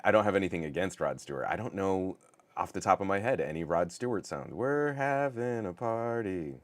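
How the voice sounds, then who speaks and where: A middle-aged man hosting a live tech podcast, talking with a scratchy, sick-sounding voice in an excitable, over-the-top way with stammered restarts. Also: deep voice, no echo. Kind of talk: casual live-stream chat.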